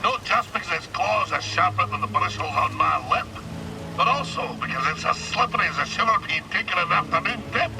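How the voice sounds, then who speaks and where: An actor voicing a small, eccentric old alien fisherman in a video game, a gruff, gravelly sea dog spinning salty tales theatrically. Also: sits high, expressive, a little fast, far from the mic, background noise. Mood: boastful, eager. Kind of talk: animated video game character dialogue.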